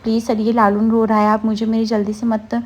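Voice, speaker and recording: A woman reading the lines of a gravely ill, childlike young woman who pleads and worries. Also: a little high, monotone, a little fast, lo-fi sound, close to an everyday voice. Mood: pleading.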